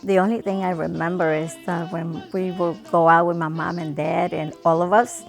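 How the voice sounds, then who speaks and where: An older woman from Ecuador slowly and fondly recalling her childhood. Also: on the low side, little pitch movement, creaky, faint music behind. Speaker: interviewee. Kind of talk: reminiscing interview.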